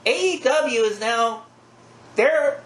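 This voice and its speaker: A man's voice: extremely high pitch, slow, fairly bright tone. A man co-hosting a casual, conversational talk show about wrestling. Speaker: podcast co-host. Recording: echoey room, faint background noise.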